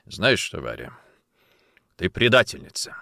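A man's voice: sits low, sing-song, a little slow, gravelly, pushed and bright, dry recording, studio quality, voice pushed down, full character voice. A man voicing a stern, bitter investigator who speaks curtly and coldly in an audiobook. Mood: angry accusing. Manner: cold, curt, bitter.

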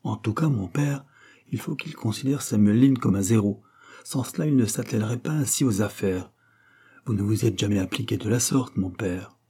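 A man voicing a sarcastic young gentleman who grumbles and teases, in a read-aloud novel. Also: on the low side, normal speed, slightly rough. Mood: teasing. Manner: mocking, half-grumbling. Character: teasing young man, sarcastic but tender.

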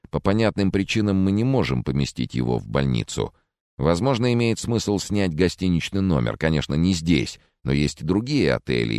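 A man voicing a cold, detached young man who speaks flatly and with contempt, in an audiobook. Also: deep voice, no room sound, studio quality. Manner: flat, contemptuous.

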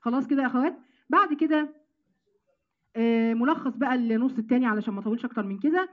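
A woman with an Egyptian accent giving an animated Quran lesson to women, addressing them as sisters. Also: on the high side, fast, phone-quality sound. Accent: Egyptian Arabic. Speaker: Quran teacher.

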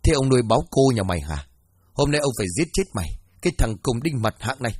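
A man's voice: mid-range voice, sing-song, fast talker, slightly rough, no echo. A man voicing a harsh older village patriarch who barks threats in a horror story. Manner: barking, threatening.

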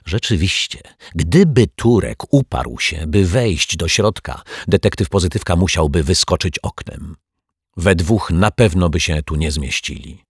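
A man narrates a children's story with a very deep, husky voice and an animated, rising-and-falling delivery. The recording is close and dry. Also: unhurried, dry recording. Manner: lively, expressive storytelling. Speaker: audiobook narrator.

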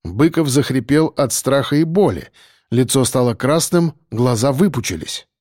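A male narrator reads a story aloud in a steady, measured voice of middle pitch. The sound is close and dry. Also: no echo. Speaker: audiobook narrator. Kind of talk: scripted narration.

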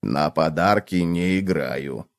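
A man voicing a calm, stubborn cockroach who speaks low, slow and quietly in a children's storybook. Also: dry recording, studio quality, exaggerated voice. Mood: earnest. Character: calm stubborn male cockroach from far away.

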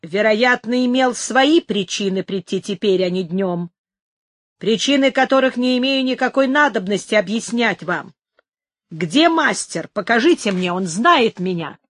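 A woman's voice: medium pitch, lively intonation, unhurried, no room sound, studio quality. A woman voicing a huge, secretive man who speaks firmly and insistently, in a story reading.

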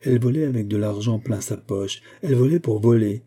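A man narrating a classic novel as an audiobook, in a measured, expressive reading. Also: lowish voice, husky.

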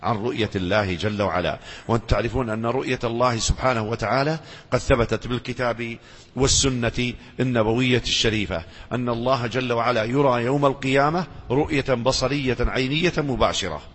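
A man with a slightly husky, mid-pitched voice teaches a religious lesson. His words ring through a big hall with a long echo. He often poses questions to his listeners and then answers them himself. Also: fast, a bit bright. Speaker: Islamic scholar lecturing. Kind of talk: religious lecture with Quran recitation. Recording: lecture hall with long reverb.

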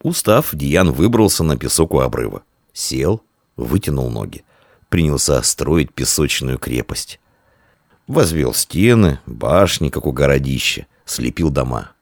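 A man narrating an audiobook with expressive storytelling. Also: a bass voice, measured pace, gravelly, dry recording, studio quality.

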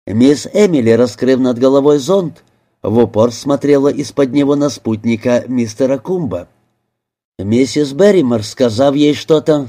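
A male narrator with a medium-pitched voice reads a detective audiobook from a script, using a measured, expressive storytelling style.

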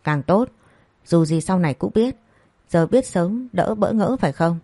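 A woman's voice: lowish voice, lively intonation, a little slow, mellow, no echo. A woman voicing a spoiled, defiant young woman who sneers at her family, in a storybook reading.

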